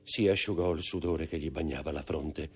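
A man narrating a classic novel in a measured, lowered reading voice. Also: breathy edge, soft background music. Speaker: audiobook narrator. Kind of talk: scripted narration.

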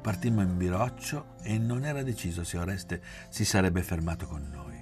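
A man reading a novel aloud in a measured, quiet, literary way. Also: low voice, music in the background. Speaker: narrator.

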